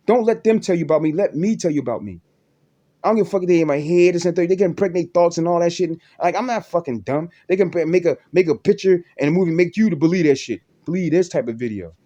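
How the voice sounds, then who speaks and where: Fast-talking man in a rambling monologue. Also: fairly high pitch, mellow. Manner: repetitive, profane, restarts constantly, frequent "you know what I'm saying". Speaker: vlogger.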